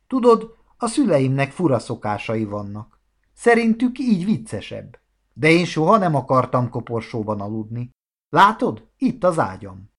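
A man voicing a shy, gentle young vampire boy who speaks hesitantly. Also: fairly high pitch, animated, lightly acted. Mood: embarrassed. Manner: hesitant, embarrassed.

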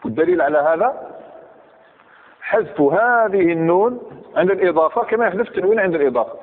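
Guy teaching grammar class, kinda high voice, tinny lo-fi audio with birds cooing behind. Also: lively intonation, fast talker. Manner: questions students, repeats examples. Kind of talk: classroom lecture. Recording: tinny phone-like recording.

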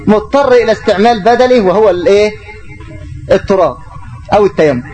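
Brief: middle-aged Egyptian man teaching religion, fast, raised pitch, answers questions with his own rhetorical questions. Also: expressive, a little mellow, faint music behind, low-quality recording. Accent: Egyptian Arabic. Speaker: Islamic teacher.

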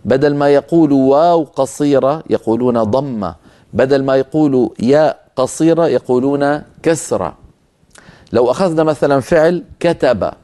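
Mellow-voiced male tajweed teacher. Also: fairly high pitch. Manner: demonstrates letter sounds slowly and repeatedly; addresses listeners directly as brothers and sisters. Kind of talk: recorded lecture on Quran recitation. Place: filmed lesson with a camera crew.

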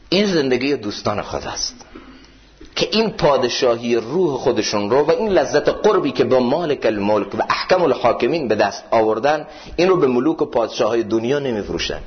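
A man's voice: medium pitch, animated. A man preaching a sermon in a mosque, explaining classical poetry with emphatic repeated parallel phrases. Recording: dull muffled recording.

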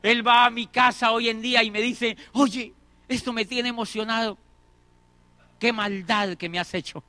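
A middle-aged man delivers a motivational talk in a very high, piercingly bright voice. He acts out both sides of conversations and repeats phrases for emphasis. The sound is dry and close. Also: steady tone, moderate pace, no room sound. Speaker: motivational speaker. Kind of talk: motivational talk with acted anecdotes.

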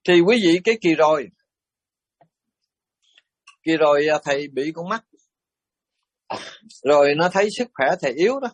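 A middle-aged man, a Buddhist monk giving a storytelling dharma talk, animated and blunt as he acts out quoted exchanges. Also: on the high side, normal speed, long pauses, no echo.

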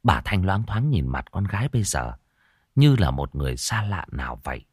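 A male storyteller with a lowish voice that swoops widely through every line, dropping to hushed tones for tension. The sound is dry and close, with no room around it. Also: normal speed, breathy edge, no room sound. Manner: expressive, swinging between hushed and raised. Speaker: narrator. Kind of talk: dramatic audio-story narration.

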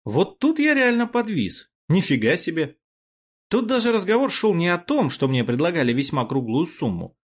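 A man narrating a first-person audiobook in a wry, expressive storytelling manner. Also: on the high side, moderate pace, slightly rough.

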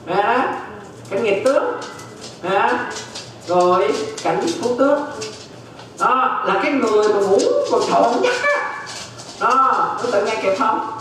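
Man, Buddhist lecture, repetitive checks on listeners, lively pitch, very echoey distant recording. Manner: keeps checking that listeners follow, repeats phrases. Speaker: Buddhist monk teaching Abhidhamma. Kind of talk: dharma lecture. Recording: very echoey hall, distant mic.

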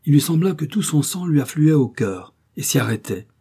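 A man narrating a literary story in measured, expressive tones. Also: fairly high pitch, slightly rough. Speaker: audiobook narrator.

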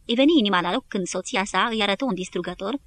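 A woman narrates a war history audiobook in a medium-pitched voice, giving an even, measured reading of the scripted text.

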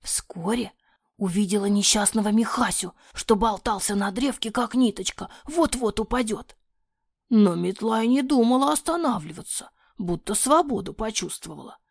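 A woman narrating a fairy-tale audiobook in an expressive voice that often drops to a breathy near-whisper. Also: mid-range voice, normal speed, dry recording.

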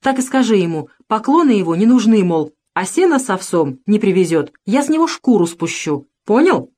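A woman's voice: mid-range voice, big pitch swings, normal speed, a little mellow, voice pushed up. A woman voicing a greedy, scornful male fur merchant who bosses the hunters. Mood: threatening. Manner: scornful, bossy.

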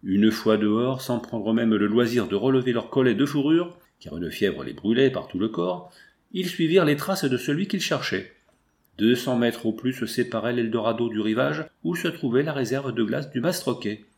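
A man narrating a literary novel as an audiobook in a measured storytelling manner. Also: mid-range voice, expressive, darkish tone.

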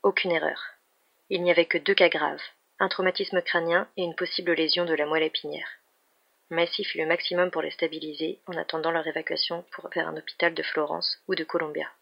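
A woman reading a novel aloud in a steady, even manner, in a dull lo-fi recording. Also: sits low, fairly quick, creaky, husky. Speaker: reader.

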